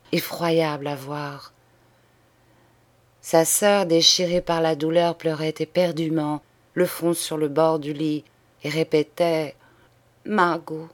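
A woman narrates a classic short story with slow, careful pacing. Her lowish voice stays measured and expressive. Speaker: audiobook reader. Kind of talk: literary story reading.

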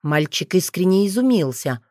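A woman narrating a fantasy audiobook in an even, measured storytelling manner. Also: fairly low pitch, no room sound, studio quality.

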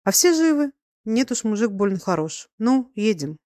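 A woman reading the lines of an anxious, fussy middle-aged country gentleman in a gruff, good-natured, abrupt way. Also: sits low, animated, brisk, no room sound, studio quality.

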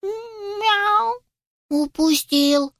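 Woman doing a squeaky frightened kitten. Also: expressive, extremely slow, fairly bright tone, no room sound, clean studio sound, exaggerated voice. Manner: squeaky, whimpering. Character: small scared boastful male kitten.

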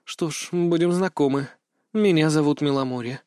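Guy doing a snippy jealous girl, sarcastic, a bit higher, dry. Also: normal speed, a little mellow, clear, resonant tone, no room sound, lightly acted. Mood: prickly. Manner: pointed, sarcastic. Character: jealous prickly young woman sailor. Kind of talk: audiobook character voice.

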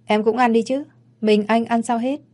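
Menacing pushy young guy, woman just reading him out, coaxing then threatening, mellow tone. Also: a little high, steady tone, normal speed, voice pushed up, natural voice. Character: pushy, menacing young man forcing himself on a maid.

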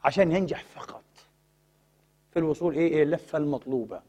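A man's voice: fairly high pitch, fast, warm tone. A man giving a religious science lecture, asking rhetorical questions and prompting the audience to fill in words.

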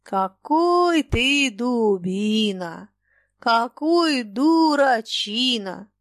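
A woman's voice: fairly high pitch, lively intonation, a little slow, no echo. A woman reading aloud and voicing a cranky old merchant who mocks and shrieks in a dry close sound. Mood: scolding. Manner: wheedling, mocking, shrieking. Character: cranky shrill old merchant man, scolding.

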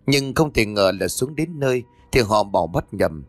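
A man narrating a ghost story with expressive, rising and falling delivery. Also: lowish voice, moderate pace, dry recording. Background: faint background music.

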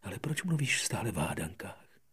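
A man's voice: fairly low pitch, sing-song, fairly bright tone, slightly rough, full character voice. A man reading as an earnest little prince. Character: lonely young boy prince. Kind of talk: audiobook reading.

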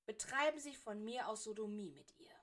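A woman's voice: on the high side, expressive, moderate pace, a bit bright. A woman reader voicing a cold, scornful male teacher who speaks with cutting sarcasm. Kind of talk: fan fiction audiobook reading.

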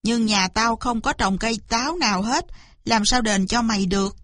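A woman voicing a gruff, impatient older male farmer in a storybook reading. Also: a little high, moderate pace, fairly bright tone, no room sound, clean studio sound. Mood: grumbling. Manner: blunt, grumbling.

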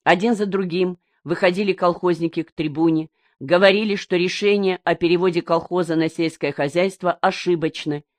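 A woman's voice: on the low side, fairly even intonation, a little fast, few pauses, no room sound. Woman reading a novel, dry close sound. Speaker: audiobook narrator. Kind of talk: scripted narration.

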